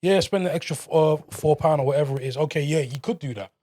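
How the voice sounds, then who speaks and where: A man's voice: on the high side, fast, a little mellow, no room sound, clean studio sound. A man with an urban London accent, arguing casually and emphatically in roadman slang. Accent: London, urban street. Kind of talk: casual panel chat, opinionated.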